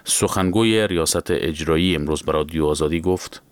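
Deep-voiced male newsreader. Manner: measured, formal delivery. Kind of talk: scripted news reading. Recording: dry studio sound.

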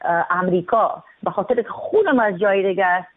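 Woman, young adult, from Afghanistan, singer being interviewed, earnest, unhurried, tinny phone-like sound. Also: medium pitch, no room sound. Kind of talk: casual interview talk.

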